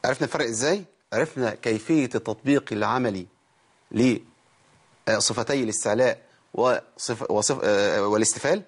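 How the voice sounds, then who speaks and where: A man's voice: medium pitch, fairly quick, slightly rough. A tired man with an Egyptian Arabic accent, teaching Quran recitation on a broadcast lesson, explaining step by step, demonstrating sounds and questioning his viewers. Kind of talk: televised tajweed lesson.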